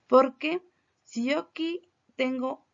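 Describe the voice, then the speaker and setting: A Mexican woman teaches English in a recorded slide lesson, explaining patiently and modeling words for her students to repeat. Her voice sits a little high with a gravelly edge, and she speaks very slowly. The recording sounds dull and lo-fi.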